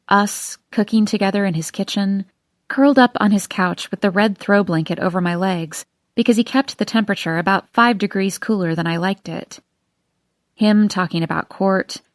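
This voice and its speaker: A woman narrating a first-person audiobook in a slow, measured, subdued reading. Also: mid-range voice, dry recording, clean studio sound.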